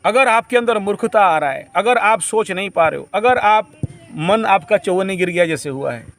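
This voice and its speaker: Man, high-pitched voice, preachy camp lecture, repetitive phrasing, stray English phrases. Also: lively intonation, normal speed, creaky, fairly bright tone, no echo. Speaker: camp teacher.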